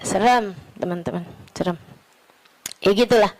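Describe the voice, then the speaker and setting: A woman giving a sermon, telling stories and then speaking slowly and quietly in reflection. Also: medium pitch, poor audio. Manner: storytelling with acted quotes, hushed and slow when reflective. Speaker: preacher.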